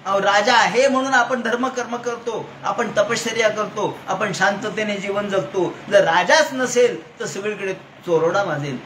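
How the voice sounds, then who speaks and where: A man voicing an elderly sage who gently chides his son in a chuckling manner. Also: high-pitched, unhurried, hardly any pauses, a little hiss or hum. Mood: chiding. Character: elderly male sage, calm and forgiving. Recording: echoey room.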